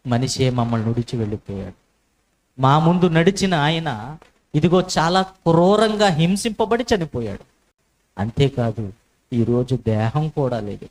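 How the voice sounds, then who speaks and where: A male preacher voicing a grieving woman at an empty tomb, pleading softly as if in tears. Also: mid-range voice, animated, a little slow, lightly acted.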